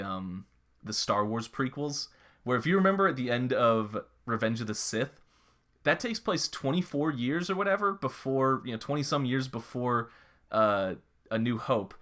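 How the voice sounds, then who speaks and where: A man's voice: mid-range voice, a bit bright. A young man co-hosts a podcast in loose, casual conversation. He rambles, doubles back on his words and leans on fillers as he thinks aloud. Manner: rambling, lots of restarts and filler. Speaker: podcast co-host. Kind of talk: casual chat.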